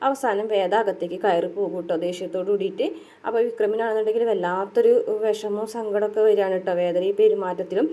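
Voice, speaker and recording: Woman, chatty serial recapper, quick delivery, mellow darker tone, lots of fillers. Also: medium pitch, steady tone. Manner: chatty, tags sentences with "ട്ടോ", many fillers. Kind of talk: casual retelling of a TV serial episode.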